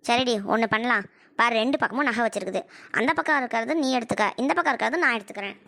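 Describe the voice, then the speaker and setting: Brief: brash scheming elder daughter-in-law, voiced by a woman, high-pitched and bossy, dry close sound. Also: quick pace, sharp tone, no room sound. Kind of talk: cartoon voice acting.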